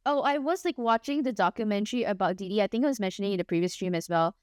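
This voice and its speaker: Rapid-fire and mid-range, this young Singaporean woman's voice comes through with a clean tone and clean studio sound, free of echo. She rambles casually on a gaming livestream in a mixed, partly Singaporean English accent, laughing a lot and pleading playfully.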